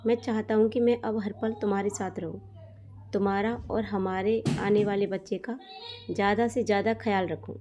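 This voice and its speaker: Woman voicing a young husband, loving, soft-spoken, mellow. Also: mid-range voice, steady tone, moderate pace, highs cut off, soft background music, lightly acted. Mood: affectionate.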